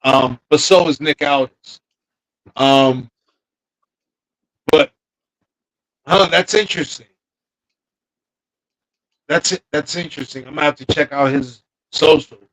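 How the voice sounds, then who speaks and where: High-voiced man chatting about wrestling. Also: takes it slowly, pauses often, a bit bright, rough recording. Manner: thinking aloud, trailing off and restarting. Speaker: podcast co-host. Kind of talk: casual wrestling chat.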